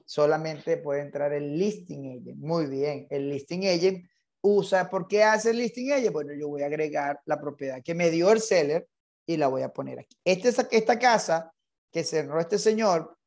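A man's voice: fairly high pitch, normal speed, gravelly, darkish tone. A man leading an online real estate training class, insistent and repetitive, mixing English terms into his Spanish.

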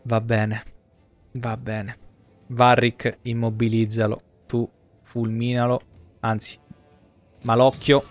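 A man in his thirties streams a game from a small home setup, game music playing behind him. His mid-range voice is flat and slow with long pauses, and his live commentary is casual, crude and slangy, full of free swearing.

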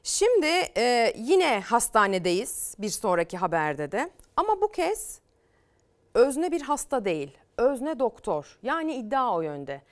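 A woman's voice: fairly high pitch, very animated, measured pace. A woman presenting a weekend morning news show, reading out viewer messages and commenting on them. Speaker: news anchor.

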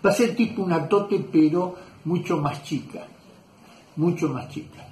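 A man's voice: a little high, expressive, measured pace, darkish tone, slight background noise. A man with an Argentine accent, a leatherwork teacher chatting casually in his workshop, rambling and correcting himself with lots of fillers. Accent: Argentine Spanish. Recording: echoey workshop room.

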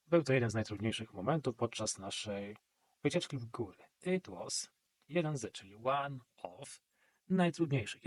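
A man's voice: mid-range voice, breathy edge. A man teaching an English exam-prep grammar lesson and speaking English with a Polish accent, who explains step by step and keeps checking in with a questioning "right?".

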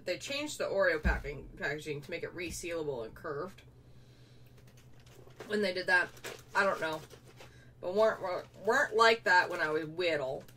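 This young woman's low-pitched voice sounds pushed and bright as she casually unboxes things on her vlog, joking at her own expense and occasionally talking through a mouthful. A faraway mic captures faint background room noise.

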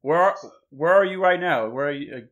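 A man's voice: a little high, fairly quick, fairly bright tone, dull audio. A man hosting his own podcast from a pool house, easygoing, with brief reactions. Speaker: podcast host. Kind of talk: casual interview.

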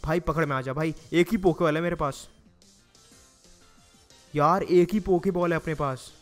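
A young Indian man with a Hindi accent and a slightly high voice talks through his game in a loose, chatty way. He groans and pleads with the game, and faint game music plays under him. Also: moderate pace. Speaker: gaming YouTuber. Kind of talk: casual Let's Play commentary.

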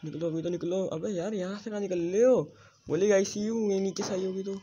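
A man in the middle of a co-op game fires off hurried commands, repeating himself as he talks in a voice a little higher than usual. The sound is dull and lo-fi, with loud game music underneath. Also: fairly even intonation. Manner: urgent, repeating commands to his partner. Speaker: gamer playing with a partner. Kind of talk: live gameplay commentary.

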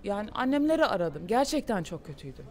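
A woman's voice: medium pitch, big pitch swings, fast talker. A woman, a daughter, answering interview questions on location in a subdued, insistent way.

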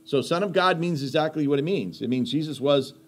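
A man's voice: a little high, fairly quick. A man teaching a Bible lesson in a conversational sermon style, emphatic, asking rhetorical questions and repeating key phrases.

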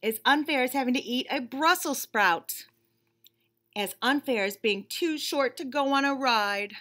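A woman in her thirties, seated in a small indoor room, reads a picture book aloud like a teacher, with expressive, emphatic, instructive delivery. Her voice sits high and has a sharp edge, and she reads a little slowly.

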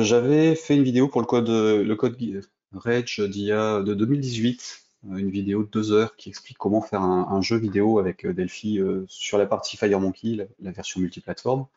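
A man's voice: fairly low pitch, fairly even intonation, fairly quick, dark tone, dull audio. A French man giving a screen-recorded coding lesson, thinking aloud with many fillers and restarts as he clicks through steps. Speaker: programming instructor.

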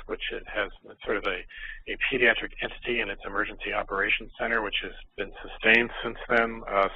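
An older man from Florida, a pediatrician, giving a conference lecture in a hesitant way with many fillers and restarts. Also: fairly low pitch. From Miami, Florida. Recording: tinny phone-like recording, faint noise.

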